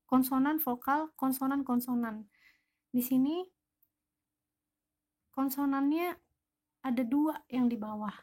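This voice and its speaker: A woman's voice: sits high, slow, long pauses, darkish tone. A woman teaching a language lesson, patiently explaining each example word one by one.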